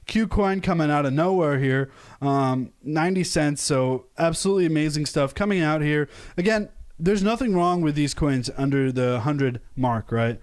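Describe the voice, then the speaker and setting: A man's voice: fairly high pitch, darkish tone. A young American man from the United States hosting a casual live stream, talking upbeat and rambling with many fillers and restarts. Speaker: crypto channel host.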